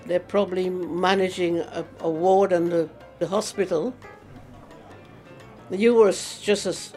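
A woman in her eighties from Guyana, chatting in an interview about her life, with easy laughs and halting restarts. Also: fairly low pitch, a little mellow. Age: 80s. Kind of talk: casual reminiscing interview.

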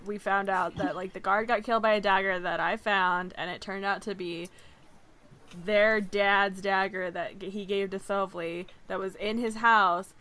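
A woman's voice: mid-range voice, bright, forceful tone. A woman playing a tabletop game, recapping casually and profanely, thinking aloud with ums. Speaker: player.

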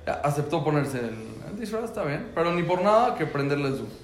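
A man's voice: on the high side, big pitch swings, fairly quick, reverberant, slight background noise. A man telling a personal story about his son, earnest and full of repeated words and restarts.

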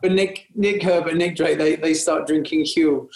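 A man's voice: on the high side, fairly even intonation, normal speed, gravelly, darkish tone. Male, teasing casual banter, echoey sound.

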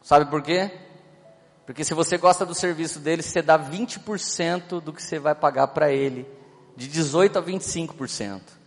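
High-voiced Brazilian preacher in a reverberant hall. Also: male voice, moderate pace. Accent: Brazilian Portuguese. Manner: chatty, joking, acts out scenes. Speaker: pastor. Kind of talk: humorous anecdotal sermon. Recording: hall reverb, faint background music.

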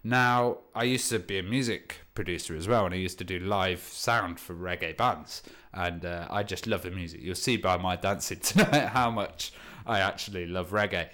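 A man's voice: low voice, normal speed, sharp tone. A man hosting a DJ music show in casual, explanatory livestream chat, speaking into headphones used as a microphone.

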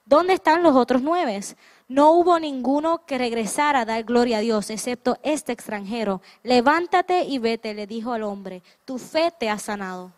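A woman interprets a sermon line by line as it is preached. Her voice sits high, and she often trips, restarts words, and pauses to find the right phrasing. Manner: translates phrase by phrase with restarts and hesitations.

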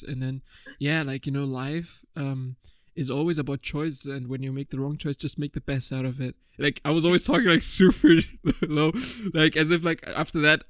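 A young man in his twenties hosts a laid-back podcast, talking in a rambling, chatty way and laughing often. His voice sits a touch high for a man, and the sound is dry and close. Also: a bit bright, no echo. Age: 20s. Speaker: podcast host. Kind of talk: casual chat.

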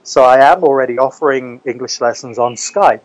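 A man's voice: mid-range voice, a little fast, no echo, rough recording. A man from New Zealand talking casually as a guest in an interview. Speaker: interview guest, English teacher.

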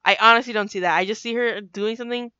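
A woman's voice: fairly high pitch, fast talker, clean tone, no echo. A young woman in casual chat, swearing freely and acting out scenes as she retells them. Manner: animated, swearing, acts out quotes. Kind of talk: casual chat about a cartoon. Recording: dry, dull lo-fi sound.

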